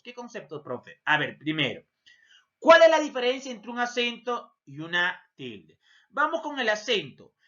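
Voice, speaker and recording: A man's voice: high voice, bright, forceful tone. A male Peruvian Spanish-speaking language teacher giving a recorded grammar lesson, talking straight to his students and asking their questions for them. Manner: addresses students directly and voices their questions himself. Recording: dull lo-fi recording.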